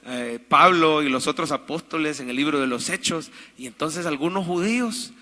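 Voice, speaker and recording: A man's voice: a little high, normal speed, bright, forceful tone, big-room sound. A man preaching an emphatic sermon and calling out to the congregation for amens. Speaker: pastor. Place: church.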